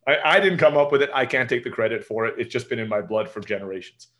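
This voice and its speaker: Expressive and fast, a man in his forties with a slightly bright mid-range voice tells stories as a casual interview guest. He has an American accent but is a native Turkish speaker raised in Turkey, and he rambles, frequently tacking "right?" onto sentences.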